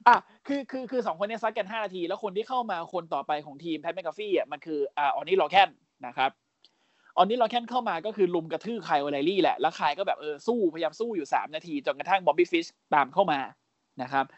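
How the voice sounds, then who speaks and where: A man co-hosting a casual podcast, recapping events as an animated storyteller, full of crude slang and mimicked voices. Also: high-pitched, no echo, highs cut off. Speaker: podcast co-host.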